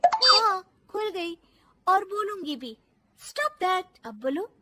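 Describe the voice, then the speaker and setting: A woman's voice: extremely high pitch, lively intonation, measured pace, very noisy, pitched above the performer's own voice. A woman voicing an innocent young daughter-in-law in a cartoon story, talking sweetly and pleadingly.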